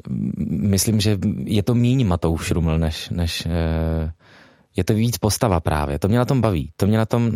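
A man's voice: low voice, a little mellow, no echo, clean studio sound. A man, a voice actor being interviewed, speaking hesitantly with many fillers and restarts. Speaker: voice actor guest. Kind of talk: interview chat.

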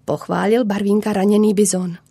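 A woman narrating a children's story in a calm, measured way. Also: medium pitch, vocal fry, husky, no room sound.

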